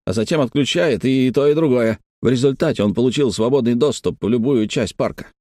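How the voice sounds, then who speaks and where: A man voicing a gruff, irritable male engineer who speaks bluntly and grumbles, in a read-aloud story. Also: medium pitch, fairly quick, warm tone, no echo, studio quality, natural voice. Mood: grim, blunt.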